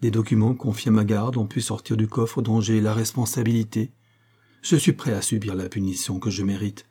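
A man's voice: on the low side, fairly even intonation, brisk, mellow, husky. A man reading the part of an anxious, loyal male government aide in an audiobook, speaking earnestly. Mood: remorseful.

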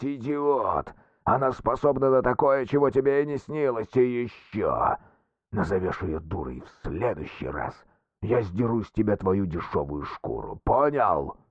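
A man's voice: mid-range voice, no echo, dull audio. A man voicing a menacing, furious male crime boss in an audiobook, snarling threats. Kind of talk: audiobook character voice.

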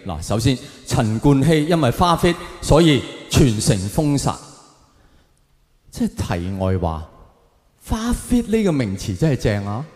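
A stand-up comedian with a Hong Kong Cantonese accent works a live crowd in an echoey, long-reverb hall, delivering mock-serious takes and putting rhetorical questions directly to them. He speaks a little slowly in a mid-range, slightly mellow voice with big pitch swings.

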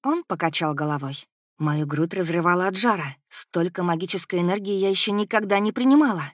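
A woman narrating a first-person audiobook in a measured, emotive reading. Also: fairly low pitch, no echo, clean studio sound.

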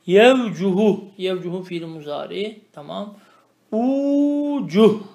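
Man teaching a slow, drawn-out grammar lesson. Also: high-pitched, a little mellow, reverberant. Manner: reads Arabic phrases slowly, then explains them, often asking the student questions. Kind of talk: traditional religious lesson, explaining a text line by line.

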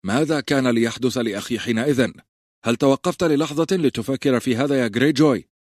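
A man's voice: sits low, fairly even intonation, fast talker, no room sound, clean studio sound. A man voicing a young male lord who scolds and gives orders in a stern voice. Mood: angry.

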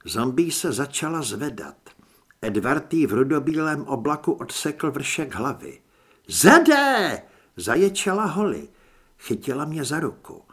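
A man's voice: mid-range voice, expressive, slightly rough. A man narrating an audiobook in a dramatic first-person reading. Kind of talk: scripted narration.

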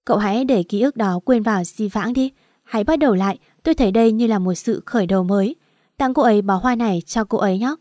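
A woman voicing an older female housekeeper who speaks gently and persuasively. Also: medium pitch, fast talker, no room sound, clean studio sound, close to an everyday voice. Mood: coaxing.

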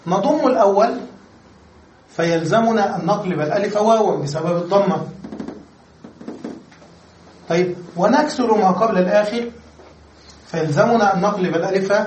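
High-voiced man lecturing in an echoey room. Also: darkish tone, slight background noise. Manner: explains step by step, asks the class questions. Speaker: Arabic grammar teacher. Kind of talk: classroom lecture. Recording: echoey room, recorded from far off.

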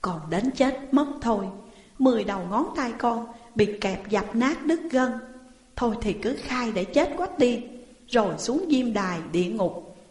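A woman's voice: on the high side, expressive, measured pace, darkish tone. A woman voicing a wrongly accused young wife who pleads and protests in anguish, in a storybook reading. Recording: roomy, long reverb.

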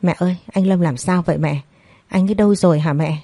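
A woman's voice: on the low side, fairly even intonation, fast talker, dark tone, no room sound. A woman reading the part of a distraught young bride, pleading in anxious questions. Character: distraught young bride searching for her fiancé.

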